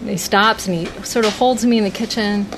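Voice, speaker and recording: A woman telling an earnest personal story and acting out the dialogue with lively shifts, over a noisy background. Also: medium pitch, fairly quick. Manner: earnest, animated, acts out quoted dialogue. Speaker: storyteller guest.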